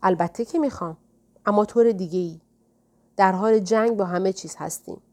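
Woman reading a calm gentle mystic man. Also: medium pitch, lightly acted. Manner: calm, soft-spoken. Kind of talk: audiobook character reading.

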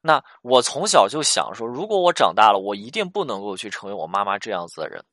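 Lively, stammering male relationship counselor. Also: lowish voice, fast, dry recording. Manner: stammering repeats, frequent "right?" tags. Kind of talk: casual advice talk.

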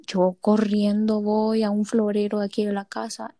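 A woman's voice: medium pitch, moderate pace. A young woman from Honduras, telling stories in casual chat and acting out the voices she quotes. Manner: animated storyteller, acts out quoted voices.

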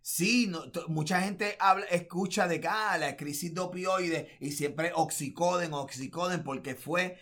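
Animated man reviewing films. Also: high-pitched, unhurried, few pauses. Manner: animated, mixes English into Spanish, many restarts. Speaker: podcast co-host. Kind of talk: casual film review chat.

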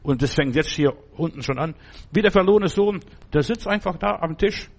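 A man's voice: on the high side, normal speed. A man giving an informal sermon in a conversational way, often repeating himself and restarting his phrases. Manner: conversational, repetitive, many restarts and asides. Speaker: preacher.

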